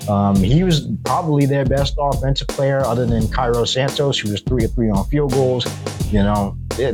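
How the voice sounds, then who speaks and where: A man hosting a solo sports recap, giving blunt, critical commentary. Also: medium pitch. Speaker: sports video host.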